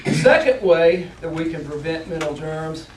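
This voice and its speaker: Delivering a prepared motivational talk to a live audience in an indoor room, an animated man with a fairly high voice speaks with deliberate emphasis and dramatic pauses. He is a competition public speaker, recorded from a distance, so the sound is roomy with faint noise behind it.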